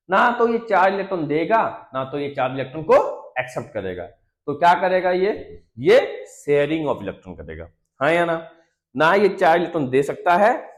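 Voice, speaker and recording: Man, tutor, rapid revision lesson, keeps asking the class questions, chatty, pitch a little high. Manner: quizzing students with constant rhetorical questions; chatty, calls students "beta" and "yaar". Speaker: teacher. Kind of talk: fast online revision lesson.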